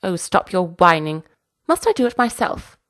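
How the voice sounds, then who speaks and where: A woman's voice: lowish voice, sing-song, moderate pace, a bit bright. A woman voicing an imperious elderly queen who barks commands in a haughty manner. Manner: haughty, barking orders.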